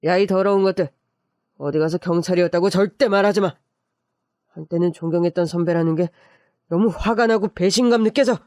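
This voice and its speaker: A man's voice: high voice, fairly even intonation, moderate pace, darkish tone, no room sound, studio quality, lightly acted. A man voicing a contemptuous scolding police colleague. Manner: harsh, scolding.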